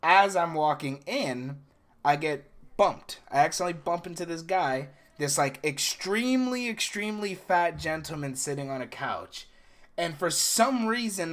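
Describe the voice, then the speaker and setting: A young man recounting things in a casual first-person storytelling style, animated and acting out the dialogue as he goes. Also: on the high side. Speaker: video creator recounting dreams.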